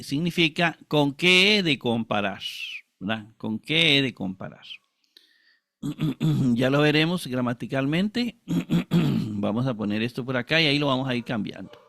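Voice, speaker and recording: A man's voice: medium pitch, sharp tone, no echo, clean studio sound. A man teaching Greek Bible exegesis, reading from ancient manuscripts, carefully spelling out words and often asking for agreement. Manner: slow, deliberate, spells out Greek words syllable by syllable; frequent tag questions and throat clearing.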